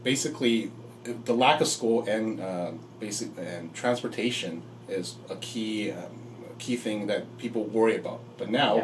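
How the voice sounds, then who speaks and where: A man talks as a home builder guest in a casual interview, relaxed and halting with fillers. His voice is fairly low. He sits back from the microphone, with a faint hiss behind him. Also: far from the mic, poor audio.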